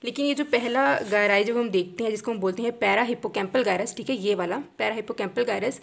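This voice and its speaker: A woman's voice: on the high side, moderate pace, gravelly. A young woman teaching anatomy, tracing a diagram and patiently repeating key terms, asking and answering her own questions. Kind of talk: explaining while tracing a diagram.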